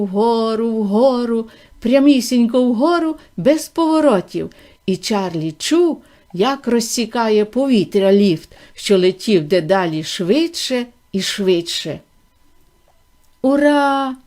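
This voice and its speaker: Female storybook narrator, steady and even, warm soft tone. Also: medium pitch. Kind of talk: audiobook reading of a children's novel.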